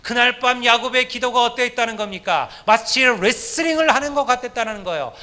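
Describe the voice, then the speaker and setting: Male pastor delivering a Sunday sermon; high, bright, earnest, speaking directly to the pews. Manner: earnest preaching, addressing the congregation often.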